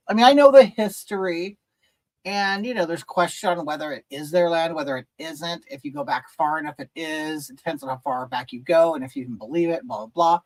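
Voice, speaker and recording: A man from rural California with a slightly high voice hosts a casual stream while doing makeup, heard on a low-quality recording. He reads and answers chat, rambling hesitantly and restarting his sentences many times.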